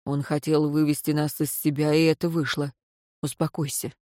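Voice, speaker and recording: A narrator voicing a proud young lord and husband with a lower, firm voice. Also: level tone, normal speed, no echo, clean studio sound, lightly acted. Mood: soothing. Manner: lower voice, angry shouts then quiet firmness. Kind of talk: audiobook character voice.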